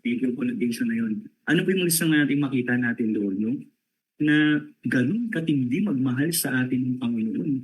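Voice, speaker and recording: A man, a priest, giving a Lenten recollection talk, asking his audience rhetorical questions and climbing to high emphatic bursts. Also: animated, fairly quick, breathy edge, poor audio.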